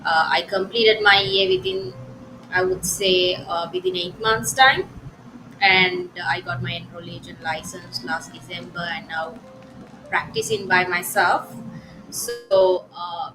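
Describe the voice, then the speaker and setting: A woman answering interview questions over a laptop video call. Her voice sits somewhat low, and she pauses on fillers as she speaks. Music plays clearly behind her. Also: poor audio. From Sri Lanka. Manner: hesitant, with fillers. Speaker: guest, tax professional.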